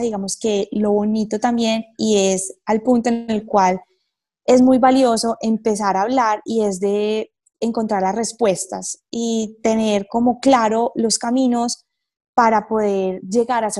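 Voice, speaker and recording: A guest on the show, this mother and wellness therapist describes her own experiences earnestly. Her voice is mellow and a little high, with fairly even intonation, and she pauses slowly and leans on many fillers.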